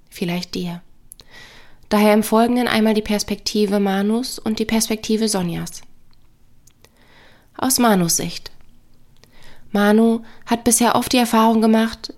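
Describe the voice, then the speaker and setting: A woman who works as a counselor and couple therapist, talking calmly and reflectively in a podcast monologue. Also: mid-range voice. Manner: calm, measured, reflective.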